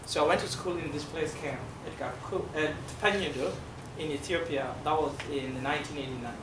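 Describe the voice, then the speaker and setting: Recorded from afar in an echoey room with background noise, this guest speaker, a middle-aged South Sudanese man who speaks Dinka, explains things to a class. He talks haltingly with frequent filler pauses, and his voice sits slightly high for a man.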